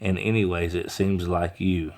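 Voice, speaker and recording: A man reading a storybook aloud, putting on the raised, brisk voice of a woman skydiver. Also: low voice, steady tone, darkish tone. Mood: insistent.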